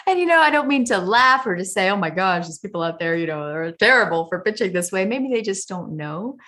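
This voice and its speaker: A woman guest on a podcast, giving advice in an energetic, emphatic coaching way. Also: medium pitch, a little fast. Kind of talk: conversational interview.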